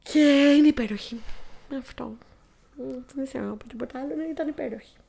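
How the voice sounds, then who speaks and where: A woman's voice: sits high, creaky, mellow. Gushing woman raving about films. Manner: gushing, enthusiastic about films she loved. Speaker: podcast co-host. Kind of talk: casual film-review chat.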